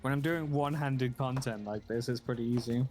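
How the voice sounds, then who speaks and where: A man's voice: medium pitch, a little fast, darkish tone, faint music behind. A man from the United Kingdom streaming a game, bantering with crude, teasing jokes. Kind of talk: casual banter while gaming.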